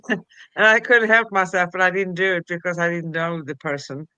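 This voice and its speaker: A woman's voice: lowish voice, fairly even intonation, normal speed, pushed and bright, clean tone, no room sound, poor audio. A woman co-hosting a casual chat who tells stories and laughs often. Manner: giggly storyteller, laughs often. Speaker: co-host.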